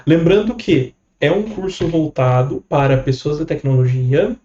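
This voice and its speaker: A man with a Brazilian Portuguese accent teaching a casual online English lesson, relaxed and full of fillers and quick "beleza?" check-ins. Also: fairly high pitch, echoey room, highs cut off.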